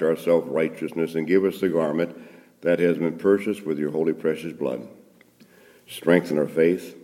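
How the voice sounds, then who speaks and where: Male pastor, pulpit mic, deep voice, formal liturgy, reverberant sanctuary. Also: mellow. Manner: solemn, measured formal liturgy. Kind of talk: leading liturgical prayer. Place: church sanctuary. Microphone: at a pulpit microphone. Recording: long church hall reverb.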